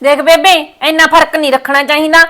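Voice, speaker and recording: A woman's voice: sits high, little pitch movement, a little fast, bright, forceful tone. Woman playing a scolding young daughter-in-law. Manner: scolding, argumentative. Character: sharp-tongued daughter-in-law Harpreet. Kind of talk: village family short film acting.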